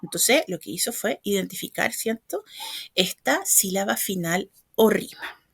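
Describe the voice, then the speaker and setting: A woman explains a lesson step by step, her voice a little gravelly with fry. She keeps checking in with her listeners through short tag questions. The sound is dry and close, with no room echo. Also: mid-range voice, lively intonation, unhurried. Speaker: educational trainer. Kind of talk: explanatory lecture.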